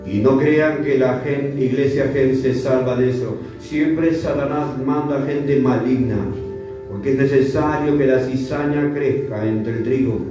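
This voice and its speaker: A man's voice: mid-range voice, steady tone, a little slow. A man preaching a sermon as pastor, emphatic and repeating words for stress. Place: church. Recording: echoey church hall, mic far off, faint music.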